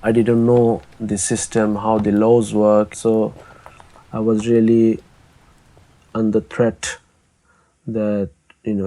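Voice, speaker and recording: A young man, telling his own story in a halting, soft-spoken way with many pauses and restarts. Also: on the low side. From Bangladesh. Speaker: interviewee. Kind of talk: personal testimony.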